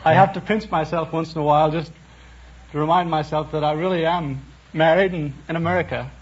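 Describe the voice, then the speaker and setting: An Irish man from Donegal answers questions earnestly, in a formal and slightly stiff manner. His voice sits a little high. The recording is a muffled 1950s radio transfer. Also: fairly even intonation, a little fast, slightly rough. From Ireland. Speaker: quiz contestant.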